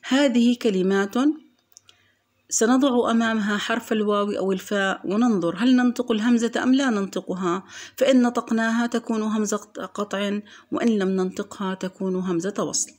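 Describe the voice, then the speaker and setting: A woman teacher giving a recorded grammar lesson for children, patiently explaining step by step and repeating example words slowly. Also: medium pitch, steady tone, darkish tone.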